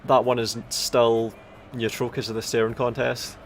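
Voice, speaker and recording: Scottish guy from the aberdeen accent side casting a strategy match, sweary n halting, bit of game noise behind. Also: mid-range voice, flat delivery. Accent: Aberdonian Scottish (Doric). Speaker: esports tournament commentator. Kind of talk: live strategy game commentary, casual and sweary. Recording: background noise of game battle ambience. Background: strategy game battle sounds.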